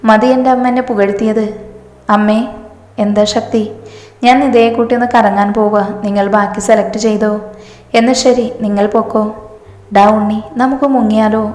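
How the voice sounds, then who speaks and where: A woman reading aloud a romantic story, voicing all the characters in one even voice. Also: mid-range voice. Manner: flat, even reading of every part in one voice. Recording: echoey room with long reverb.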